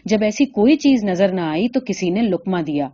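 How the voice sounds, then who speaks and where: A woman reads a literary story aloud in a calm, measured way. Her tone is mellow and dark, and the recording sounds slightly dull and lo-fi. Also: mid-range voice. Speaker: narrator. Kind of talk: story reading.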